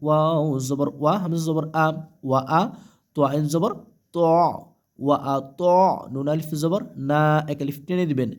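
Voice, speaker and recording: A man teaching Quran reading, spelling out each letter and vowel mark slowly, then chanting the joined words. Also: a little high, fairly even intonation. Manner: slow, syllable-by-syllable spelling with drawn-out recited phrases.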